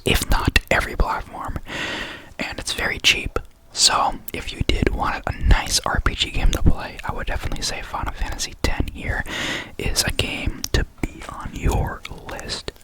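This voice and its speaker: In a rough recording, a young adult ASMR creator with a lisp murmurs casually in a close, breathy whisper with no voice behind it, stuttering every so often.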